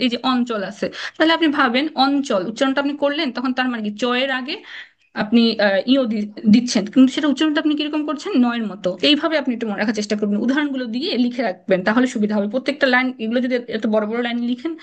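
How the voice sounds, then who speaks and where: A young woman teaching pronunciation rules in a live lecture, chatty and quick, often checking in with her students. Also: sits high, lo-fi sound. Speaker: online exam-prep teacher.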